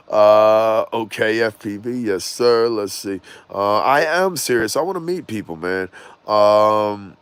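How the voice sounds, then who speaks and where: A man hosting a casual drone livestream, slightly raspy and congested from the cold, talking loosely and animatedly to his viewers outdoors. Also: on the low side, no room sound. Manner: loose, rambling, animated, jokes and reads chat aloud.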